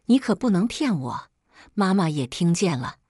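A woman's voice: on the low side, sing-song, normal speed, warm tone, husky, no echo, studio quality. A woman voicing a small crafty boy who whines and sobs his pleas, in a storybook reading. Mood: eager. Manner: whining, sobbing pleas.

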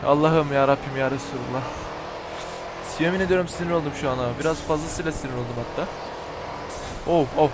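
A young Turkish man giving let's play commentary over a racing game, excitable, shouting and cursing at rival cars. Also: a little high, fast, pauses often, background noise. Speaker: gaming YouTuber.

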